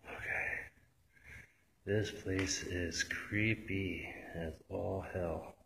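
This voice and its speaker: A man exploring an abandoned building, talking in a hushed, cautious voice and often whispering. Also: sits low, fairly even intonation, extremely slow, creaky, slight background noise. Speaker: urban explorer vlogger. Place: large empty derelict building indoors. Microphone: handheld phone camera.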